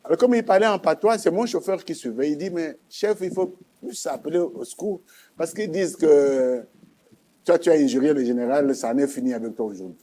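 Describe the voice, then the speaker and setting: A man giving testimony as a guest recounts his religious story a little fast, in a soft, mellow tone with a Congolese accent. His voice is slightly high for a man, and he speaks emphatically, repeating points for effect.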